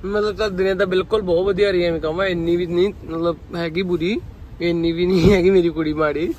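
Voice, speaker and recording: A man talking casually to the camera in a family vlog, in a quiet, subdued way. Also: high-pitched, fairly even intonation, fast talker, a little hiss or hum. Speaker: family vlogger.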